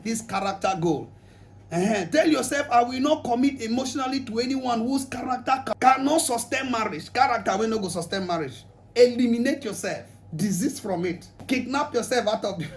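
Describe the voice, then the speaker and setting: Nigerian man, very high-pitched, comic speaker, pidgin-laced relationship advice. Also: creaky. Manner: humorous, mixes pidgin, acts out quotes. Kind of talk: lively relationship talk to an audience.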